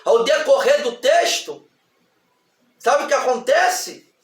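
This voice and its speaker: A man preaching a fiery sermon, shouting and repeating phrases for emphasis in a church hall. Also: very high voice, expressive, slow. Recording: echoey hall, far from mic.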